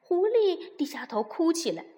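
A woman slowly reading a children's story aloud, expressive and at times dropping to a whisper. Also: extremely high pitch. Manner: slow, expressive, sometimes whispering. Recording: long reverb.

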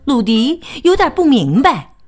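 A woman reading a children's picture book aloud as a storyteller, slow and expressive. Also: high voice, music in the background. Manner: slow, expressive, sing-song.

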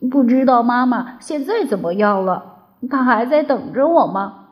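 A little crybaby dinosaur boy speaks in a high, bouncing, childlike voice, as a woman puts him on. His pitch leaps about, tearful yet sweet, in a storybook reading. The recording is dull and lo-fi. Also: big pitch swings, slow. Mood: sad, shy.

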